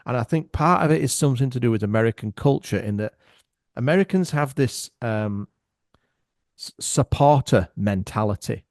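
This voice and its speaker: Animated man telling stories on a podcast. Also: medium pitch, moderate pace, dry recording, clean studio sound. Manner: animated, acts out other people's voices. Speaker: podcast guest. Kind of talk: casual storytelling chat.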